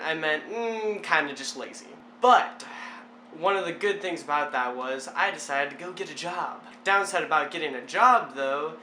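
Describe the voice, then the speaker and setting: A man's voice: fairly high pitch, bright, forceful tone, slight background noise. A young man telling a comic story about himself in a rambling, self-mocking way. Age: young adult. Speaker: vlogger. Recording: echoey room.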